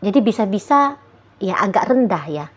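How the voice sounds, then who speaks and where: A woman's voice: mid-range voice, sing-song, normal speed, breathy edge. A woman talking straight to a single viewer about their relationship in a casual, chatty way. She keeps returning to little tag phrases and sometimes acts out what a partner might say. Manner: chatty, repeats "gitu ya", acts out quoted lines. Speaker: relationship reader addressing a viewer. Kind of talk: casual advice monologue.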